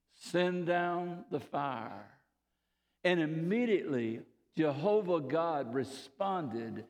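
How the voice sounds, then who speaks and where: A man preaching a sermon, telling a scripture story deliberately and dropping his voice low on key phrases. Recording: reverberant hall.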